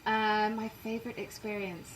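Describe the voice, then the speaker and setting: A woman from England, partly raised in Canada, with an English accent, chatting quickly and self-deprecatingly as a musician being interviewed. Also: mid-range voice, flat delivery, reverberant, recorded from a distance, soft background music, low-quality recording. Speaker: musician guest. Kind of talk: casual interview chat. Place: inside a parked trailer.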